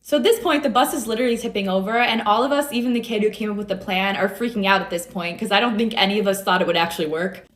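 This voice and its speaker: A woman's voice: medium pitch, quick pace, few pauses. Young woman, chatty storytime, wry, echoey room sound. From United States. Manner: chatty, wry anecdotal telling. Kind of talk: casual storytime. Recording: roomy echo.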